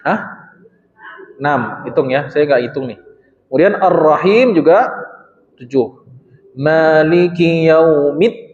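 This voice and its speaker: A man with a voice on the high side, lively in intonation and darkish in tone, teaches Quran recitation to a study circle in a mosque hall. As a religious teacher, he demonstrates by slowly drawing out phrases and quizzes the congregation. The recording is echoey and dull.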